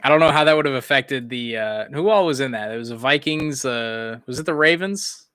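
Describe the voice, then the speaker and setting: Bright-voiced young man calling plays. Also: mid-range voice, brisk, clear, resonant tone, no room sound. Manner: rambling, laughs often, reads chat aloud. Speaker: live play-by-play streamer. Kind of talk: casual play-by-play with chat reactions.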